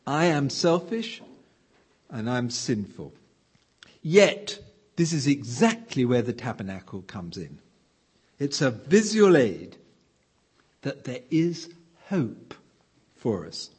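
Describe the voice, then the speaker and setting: A slow, lively, husky preacher. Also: male voice, mid-range voice. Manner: conversational, asks the room questions. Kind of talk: sermon.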